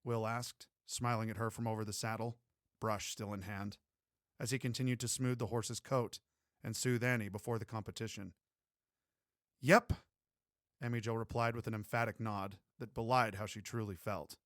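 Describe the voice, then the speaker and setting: A man narrating a romance audiobook in a steady, even storytelling way. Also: lowish voice, a little fast, no room sound, studio quality. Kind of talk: scripted narration.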